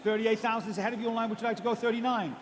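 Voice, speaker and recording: Male auctioneer, high voice, chanting numbers and courteous bid prompts at speed; long room reverb. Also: fairly even intonation, a little hiss or hum. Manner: rapid, repetitive chanting of figures with polite prompts to bidders. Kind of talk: live auctioneer's bid calling.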